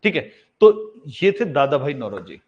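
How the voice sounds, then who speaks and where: In this slightly dull, lo-fi clip, a male teacher with a somewhat high, darkish voice runs a casual exam-prep history lesson, very animated but at a measured pace. He calls his students "bhai," poses a question, answers it himself, and goes back over the key facts.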